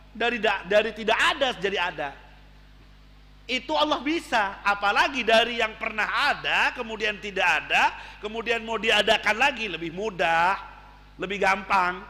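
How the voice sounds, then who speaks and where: A man preaching an Islamic sermon, telling stories animatedly, with swings between loud exclamations and low asides, recorded in an echoey hall. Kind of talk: religious sermon with storytelling.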